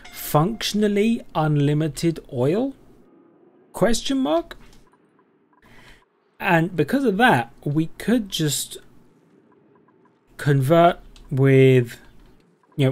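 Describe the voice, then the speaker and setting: A man's voice: on the high side, a little mellow. A man doing gameplay commentary, thinking aloud in a rambling way and asking himself questions. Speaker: game streamer, let's play host.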